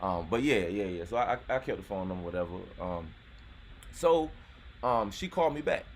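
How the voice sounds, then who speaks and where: A man's voice: on the low side, animated, normal speed, slight background noise. A man in his forties hosting a casual live-stream chat outdoors, laid-back and rambling. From North Carolina, US. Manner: laid-back, rambling, lots of "you know what I'm saying". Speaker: channel host. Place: outdoors near a golf course.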